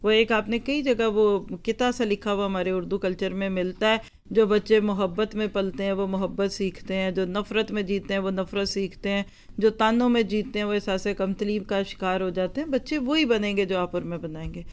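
Smooth-voiced woman giving a lecture. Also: medium pitch. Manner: rhetorical questions and repeated parallel phrases; earnest, lecturing. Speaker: religious speaker on parenting. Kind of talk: Islamic lecture to an audience.

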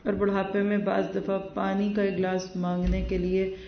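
A woman's voice: mid-range voice, monotone, a little hiss or hum. Woman teaching a Quran lesson, distant and roomy. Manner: recites Arabic verses, then explains them in a measured teaching tone. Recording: roomy, distant, dull lo-fi recording.

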